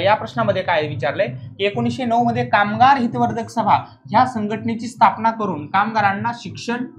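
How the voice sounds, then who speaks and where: A high-pitched male tutor leads an exam coaching lesson, explaining forcefully and repeating the main points. Rhetorical questions come often as he checks that his listeners understand.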